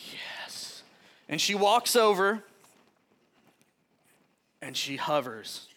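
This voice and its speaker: A man with a rather high, bright and forward voice preaches in an easy, conversational way. He tells stories with lots of energy and laughs as he goes. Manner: animated, chatty storyteller who often laughs mid-sentence. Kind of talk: casual sermon with personal storytelling.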